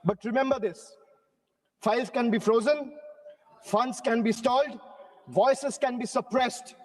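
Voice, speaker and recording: A man from Bengal, a member of parliament, declaims a rhetorical speech in parallel phrases inside a large parliament chamber. His voice is extremely high-pitched, with a long reverb tail and poor audio quality.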